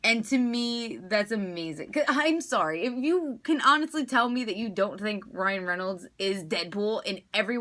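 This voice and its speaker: A woman's voice: mid-range voice, bright, forceful tone. A woman giving a casual, enthusiastic spoken movie review, chatty and full of fillers.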